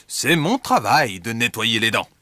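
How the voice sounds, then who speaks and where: A man's voice: medium pitch, very animated, a little slow, sharp tone, no echo, clean studio sound. A man voicing a kindly, cheerful elephant dentist in a French cartoon, reassuring and instructing patients at the dentist. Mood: busy, matter-of-fact. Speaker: dentist examining young patients. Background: music.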